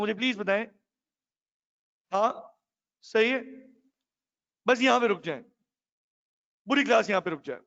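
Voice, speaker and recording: High-voiced teacher quizzing his class. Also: a bit bright. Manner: addresses students as "beta", quizzing them. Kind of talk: classroom lecture. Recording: muffled classroom recording with long reverb.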